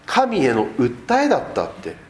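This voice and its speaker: A man's voice: mid-range voice, wildly swooping pitch, normal speed, darkish tone, slight background noise. A man preaching a sermon as a pastor, explaining the text and asking rhetorical questions of the congregation. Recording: echoey room.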